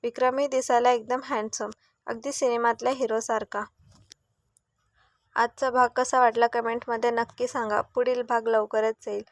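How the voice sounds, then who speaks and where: A woman narrating a family story in a steady, descriptive way. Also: fairly high pitch, normal speed, dry recording.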